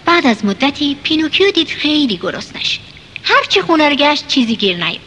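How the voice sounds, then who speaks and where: A woman narrating a children's storybook in a lively, expressive way. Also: sits high, a little hiss or hum. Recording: narration over loud music.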